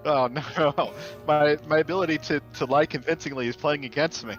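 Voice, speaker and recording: A man's voice: fairly high pitch, lo-fi sound, faint music behind. A man playing a game with friends, chatting and joking casually. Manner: joking, quick to laugh. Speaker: co-player. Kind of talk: casual let's-play chat.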